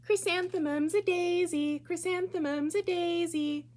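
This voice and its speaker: A woman's voice: very high-pitched, steady tone, measured pace, a little mellow, slight background noise, voice pushed up. A woman voicing a mocking, self-important little schoolgirl in a children's storybook, with a sing-song, taunting delivery. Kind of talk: children's storybook read-aloud.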